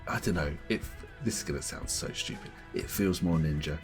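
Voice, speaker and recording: A man co-hosting a podcast, chatting casually about games, animated and laughing often as he talks. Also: deep voice, brisk, soft background music. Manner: animated, laughs often, puts on voices to mimic others. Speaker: podcast co-host.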